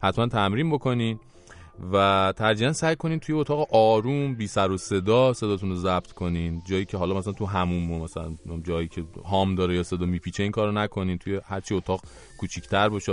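A low-pitched man hosts a radio show and talks listeners through practical tips in a relaxed, advisory way. He often pauses on filler sounds as he goes. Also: faint music behind. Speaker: radio host. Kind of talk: casual radio talk, giving advice.

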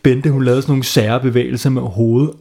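A man's voice: medium pitch, little pitch movement, creaky, warm tone. A man hosting and narrating a playful bedtime story for children, chatting with young listeners. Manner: playful, talks with kids listening. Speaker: storyteller, host.

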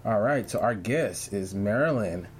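A podcast host leads an online talk show in a casual interview chat, relaxed and rambling, full of fillers and restarts. His voice is fairly low in pitch and unhurried.

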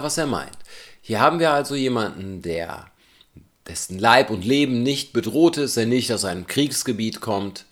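A man giving a reflective spoken essay in a thoughtful, questioning, argumentative way. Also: medium pitch.

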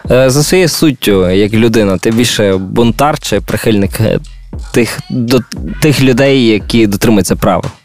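A man hosting a radio interview in a studio, firing off quick-fire questions in a playful, upbeat way. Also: on the low side, a little mellow, faint music behind. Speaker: radio host.

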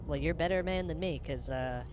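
A woman's voice: sits low, a little fast. A woman co-hosting improvised comic role-play, chatting in a crude, rambling way. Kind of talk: improvised comedy chat. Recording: clear background noise.

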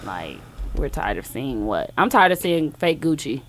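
Woman, lively varied pitch, slangy casual banter, podcast co-host. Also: measured pace. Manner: slangy, asks the group questions.

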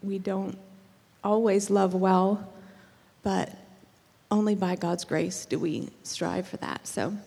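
Woman, gravelly mellow voice, gentle reflective panelist, long hall reverb. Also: mid-range voice, steady tone, takes it slowly. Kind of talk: church panel talk.

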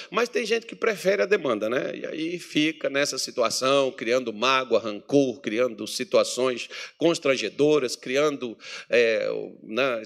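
A Brazilian man preaching a sermon to his congregation, joking with them between Bible readings and swinging from loud readings to low murmurs. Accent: Brazilian Portuguese. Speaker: pastor. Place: church meeting hall.

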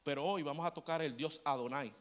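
A male preacher tells a story to his church in an animated way, now and then asking the room to agree. His voice sits a little high for a man. It carries a long reverb from the sanctuary. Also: brisk. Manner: animated storyteller, asks the congregation "¿verdad?". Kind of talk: storytelling sermon.

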